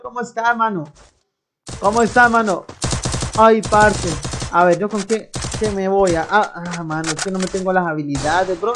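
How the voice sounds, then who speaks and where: A young man with a Colombian accent chatting excitedly on a live game stream, greeting viewers by name between bursts of exclamations. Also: sits high. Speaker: gaming streamer. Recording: loud game gunfire noise behind.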